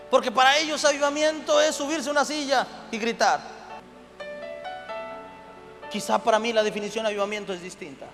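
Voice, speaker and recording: High-voiced preaching man with a Mexican accent. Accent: Mexican Spanish. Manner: swings from quiet intimate talk to loud shouting. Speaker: pastor. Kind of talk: sermon. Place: church hall. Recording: long church reverb with music underneath.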